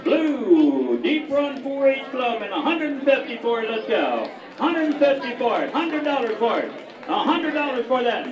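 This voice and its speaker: A man auctioneering at a cake auction, rattling off bids in a rapid rhythmic chant. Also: very high-pitched, sing-song. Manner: rapid rhythmic bid calling. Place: large community hall with crowd. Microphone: handheld mic, heard from far. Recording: roomy distant lo-fi hall recording with crowd.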